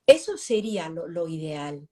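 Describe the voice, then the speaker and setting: Lively middle-aged woman host. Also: sits low, measured pace. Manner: expressive, repeats words for emphasis. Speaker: host, family psychologist. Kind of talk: live stream talk.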